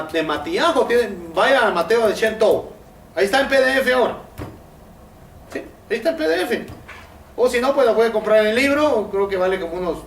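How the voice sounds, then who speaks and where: A man teaches a Bible study class in a high voice. He fills his speech with hesitations and keeps asking his listeners questions. He is recorded from a distance in a roomy space with a faint hiss behind him. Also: a bit bright. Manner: many fillers and repeated rhetorical questions.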